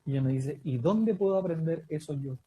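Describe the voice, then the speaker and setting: A Chilean man in his thirties tells a story casually and with animation, slipping into the voices of the people in it and laughing along the way. His voice sits a little high for a man, with a mellow, soft tone and a husky edge. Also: brisk, no echo, low-quality recording. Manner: animated, laughing often, acting out quoted dialogue. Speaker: guest storyteller. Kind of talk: casual anecdote telling.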